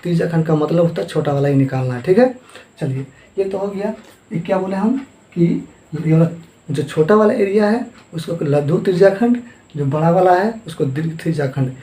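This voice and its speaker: A man's voice: on the high side, normal speed, mellow. A man teaching a math lesson, who asks questions and answers them himself and repeats each term. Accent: Hindi-speaking eastern India, Jharkhand. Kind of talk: classroom lesson at a board. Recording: echoey room.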